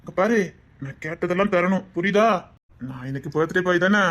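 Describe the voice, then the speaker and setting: An actor voices a scheming young man from a Tamil web drama, speaking in a Tirunelveli accent. He wheedles and presses, always circling back to make sure he is understood. His tone is hushed and close, barely above a murmur. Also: high-pitched, a little fast. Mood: sweet-talking. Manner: coaxing, insistent, keeps asking 'understand?'. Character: smooth-talking young man, manipulative, greedy blackmailer. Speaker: scheming boyfriend on a phone call.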